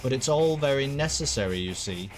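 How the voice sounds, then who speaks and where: A man's voice: mid-range voice, lively intonation, fairly quick, slight background noise, close to an everyday voice, poor audio. A man voicing a bored, haughty villainous lord in a video game, with a languid, pompous regency aristocrat manner. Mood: bored, condescending. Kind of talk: video game dialogue read aloud in character.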